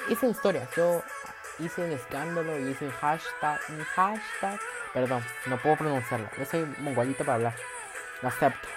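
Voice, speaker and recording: Un hombre con acento centroamericano que habla en su podcast de forma casual, chismosa y presumida, con cambios dramáticos de tono. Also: male voice. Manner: dramatic, gossipy and boastful, with big swings in pitch and loudness. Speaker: podcast host.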